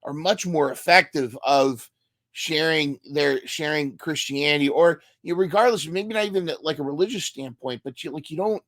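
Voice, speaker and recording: A man's voice: fairly high pitch, normal speed, a bit bright, no echo, studio quality. A man hosting a casual podcast interview, thinking aloud and often repeating and restarting his words. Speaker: podcast host.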